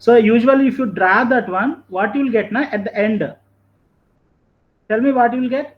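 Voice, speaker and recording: A man's voice: very high-pitched, fast talker. A man with a South Indian Andhra accent and Telugu as first language teaches problems informally in an online lesson, mixing Telugu into his English. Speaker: physics teacher. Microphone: video call. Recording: muffled video-call audio, background noise.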